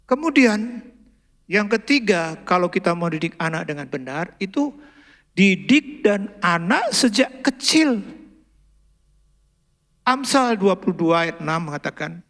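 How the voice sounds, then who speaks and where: A middle-aged male pastor with an Indonesian accent, preaching a sermon and telling family stories, moving from loud emphasis to soft asides. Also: high voice, sing-song, a little slow, long pauses, big-room sound. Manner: storytelling, acts out dialogue, swings from loud emphasis to soft asides. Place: large church hall.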